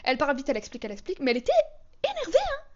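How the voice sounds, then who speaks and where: A young woman tells her storytime anecdotes in a casual, slangy, dramatic way. Her voice sits high, and the recording sounds a little dull and lo-fi. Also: very fast. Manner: chatty, slangy, dramatic retelling. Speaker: vlogger.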